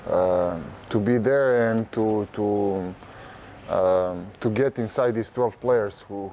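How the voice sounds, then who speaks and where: In a large indoor arena, a young Croatian basketball player answers questions in Croatian during a casual interview, recorded on a lapel mic. He halts and repeats words while searching for phrasing, his fairly low voice mellow under a little hiss or hum.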